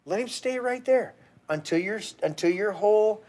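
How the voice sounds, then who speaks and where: Middle-aged male podcast host, heated and crude, slightly high voice, casual rant. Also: lively intonation, normal speed, a little mellow. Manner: heated, crude, restarts often.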